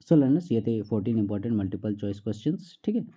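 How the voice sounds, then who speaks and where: A man teaching a class quiz, who reads each question slowly and keeps checking in with the listener. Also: on the low side, animated, dark tone, husky, lo-fi sound. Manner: repeats "theek hai" often, reads questions slowly.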